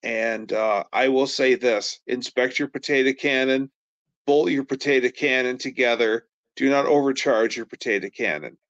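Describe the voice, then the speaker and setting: A middle-aged man co-hosting a casual live chat, telling folksy stories and chiming in with quick agreement. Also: mid-range voice, fairly bright tone, no room sound. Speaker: co-host of a car show live stream. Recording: dull dry lo-fi stream audio.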